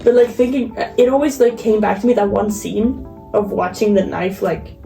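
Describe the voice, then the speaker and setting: A woman from Norway, speaking English as a podcast guest, animated and giggly with many fillers as she tells a story. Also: medium pitch, normal speed, vocal fry. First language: Norwegian. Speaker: interview guest. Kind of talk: casual podcast chat, storytelling. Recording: distant mic with faint guitar music.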